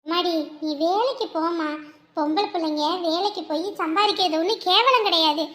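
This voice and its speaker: A woman voicing an older mother-in-law who speaks gently and with worry. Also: very high voice, a little fast. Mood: coaxing. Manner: gentle, coaxing.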